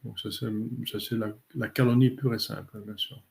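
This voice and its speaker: A man, a priest giving a catechism talk and answering questions in a halting way with many fillers. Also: fairly low pitch, steady tone, vocal fry, a little mellow.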